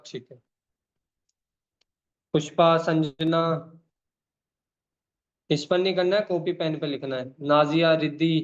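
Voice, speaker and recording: A man hosting an online meeting over a video call, calling out names and urging people on in an emphatic, repetitive way. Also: on the high side. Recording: dull lo-fi call audio.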